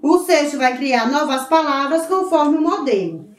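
A woman teacher with a Brazilian Portuguese accent giving a lesson to schoolchildren, drawing out words slowly and asking "certo?" again and again. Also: high-pitched, expressive. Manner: slow, drawn-out syllables, often checks with "certo?". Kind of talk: recorded school lesson for children. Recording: roomy, mic at a distance.

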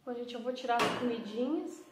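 High-voiced young woman in an echoey room. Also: brisk, background noise. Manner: chatty, talks to her dog in a high baby voice. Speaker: vlogger. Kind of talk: casual home vlog. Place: home, indoors.

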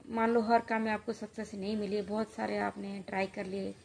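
A woman vlogger telling a personal story in a halting, hesitant way, full of pauses and fillers. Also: medium pitch, level tone, vocal fry, darkish tone, a little hiss or hum.

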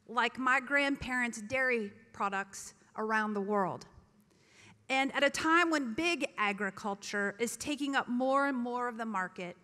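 A woman with a fairly high, bright voice reads an earnest introduction from a podium. Her words ring out in a large, reverberant hall. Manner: earnest, read from prepared remarks. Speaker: speaker introducing a candidate. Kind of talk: introduction speech. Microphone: podium microphone.

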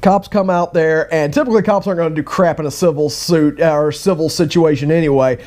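A middle-aged man with a somewhat high-pitched voice tells a personal story in a loose, conversational way. He slips into the voices of the people in his story, moving quickly between narration and quoted dialogue. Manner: animated, acts out both sides of conversations. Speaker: vlogger. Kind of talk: casual storytelling.

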